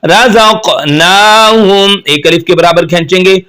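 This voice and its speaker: A man teaching Quran recitation in Urdu, who patiently explains the rules step by step and then chants the verses slowly and melodically. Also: on the high side, expressive, a bit bright. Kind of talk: slow step-by-step tajweed lesson.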